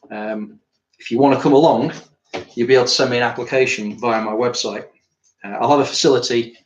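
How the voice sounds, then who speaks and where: A British man, an artist chatting casually on a live stream while he works, rambling and thinking aloud, a bit tired after climbing. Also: mid-range voice. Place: art studio. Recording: roomy studio with faint noise.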